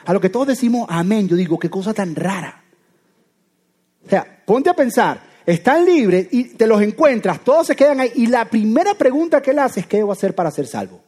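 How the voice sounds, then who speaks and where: A man delivers a sermon in a high voice that climbs and dips freely. He keeps it conversational and animated, firing off rhetorical questions at his listeners. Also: moderate pace, husky. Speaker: preacher.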